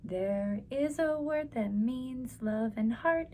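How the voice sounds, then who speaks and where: This storyteller's voice is high, expressive, and darkish in tone, and she takes her time. Reading to young children, she speaks in an exaggerated, sing-song, encouraging manner, with clear background noise in the recording.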